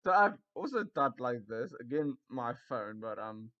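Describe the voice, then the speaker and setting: A young YouTuber whose first language is Afrikaans reads Reddit posts in rambling, casual commentary that erupts into loud disbelief. His medium-pitched voice is bright, forceful, and very animated at a moderate pace, heard through a muffled, lo-fi mic.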